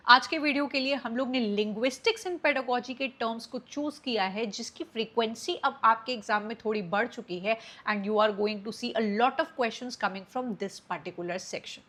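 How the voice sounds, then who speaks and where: A woman's voice: fairly high pitch, measured pace, few pauses, a bit bright. Indian woman teacher giving an exam-prep lecture. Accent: Indian English. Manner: switches between Hindi and English mid-sentence.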